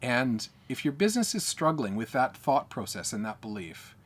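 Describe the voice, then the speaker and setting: A man's voice: medium pitch, sing-song, moderate pace. An Australian man coaching business owners, talking emphatically and repeating his points. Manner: emphatic, repetitive, lecturing. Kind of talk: speaking to camera.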